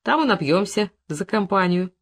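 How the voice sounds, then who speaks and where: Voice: medium pitch, lively intonation, normal speed, a bit bright. A reader doing a wry, probing investigator. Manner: probing, mildly mocking. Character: brisk, wry male police investigator.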